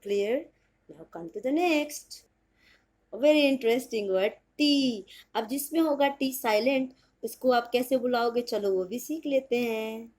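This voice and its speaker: A woman with an Indian accent teaching English pronunciation in Hindi, spelling words out letter by letter, repeating them and asking if it is clear. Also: a little high. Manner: checks understanding with "clear?".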